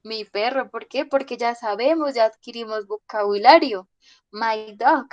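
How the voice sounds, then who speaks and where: Woman teacher, slow and patient, highish voice, dry close sound. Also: no room sound, muffled recording. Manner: patient, checks in with "listo?" often. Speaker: English teacher. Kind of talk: online class explanation.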